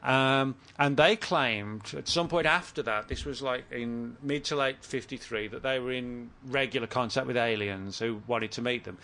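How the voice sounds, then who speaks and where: Man, guest author, casual talk, rambling storyteller, self-correcting, bright tense tone. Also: mid-range voice, normal speed, hardly any pauses. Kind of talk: casual podcast conversation.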